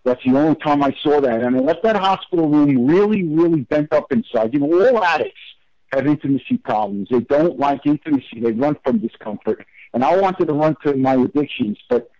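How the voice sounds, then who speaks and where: Male guest, candid and heartfelt, halting delivery, muffled dry radio sound. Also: fairly high pitch, no room sound. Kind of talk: personal storytelling in interview.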